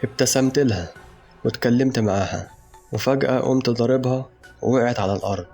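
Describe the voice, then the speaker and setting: A man with an Egyptian Arabic accent narrating a dark first-person story in a slow, brooding, intense way. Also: medium pitch, gravelly, faint music behind.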